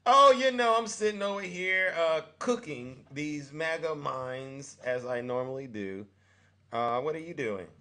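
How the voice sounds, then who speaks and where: A man's voice: a little high, animated, unhurried, pushed and bright. A man with an American accent hosting a casual political live stream like a showman, egging his guests on.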